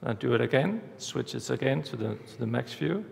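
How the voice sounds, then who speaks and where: A man giving a conference talk, walking through a live demo step by step in a halting way, recorded in a large hall. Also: medium pitch, lively intonation, creaky, a little mellow. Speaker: conference speaker. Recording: reverberant hall, faint background noise.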